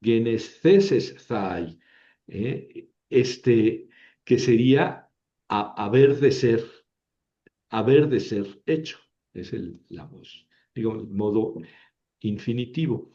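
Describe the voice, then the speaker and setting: Male language teacher, mellow tone, unhurried patient delivery, repeats each form. Muffled lo-fi recording. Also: medium pitch. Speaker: Ancient Greek teacher. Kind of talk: recorded grammar lesson.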